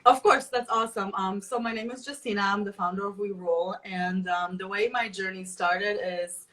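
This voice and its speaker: A woman's voice: mid-range voice, fairly even intonation, moderate pace, fairly bright tone, poor audio. A woman from Poland, a company founder, talking chattily in an online interview with many fillers. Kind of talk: casual interview conversation.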